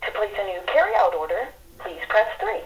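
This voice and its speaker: A woman's voice: mid-range voice, fairly quick. Recorded phone menu prompt, woman, polite and instructional, heavy line noise. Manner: polite, even instructional delivery. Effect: recorded phone menu message. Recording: noisy phone line from far off.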